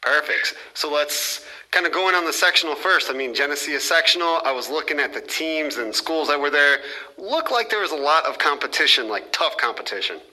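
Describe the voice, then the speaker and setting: A man's voice: fairly high pitch, expressive, fairly quick, sharp tone, rough recording. A man hosting a sports podcast interview in an upbeat, casual way. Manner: upbeat, repeats "awesome" and "perfect". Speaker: podcast host.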